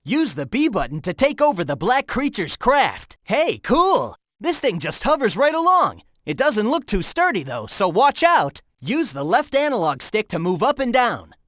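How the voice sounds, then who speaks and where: A man's voice: high-pitched, huge pitch swings, normal speed, few pauses, a bit bright, dry recording, studio quality, exaggerated voice. A man playing a cocky, upbeat young hedgehog hero, giving breezy, encouraging guidance in a video game. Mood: instructive. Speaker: in-game tutorial guide.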